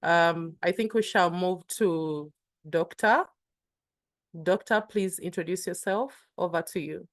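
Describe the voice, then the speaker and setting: A woman's voice: on the low side, slow pace. A woman moderating an online panel, speaking with frequent fillers and restarts. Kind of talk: webinar moderation. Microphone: video call.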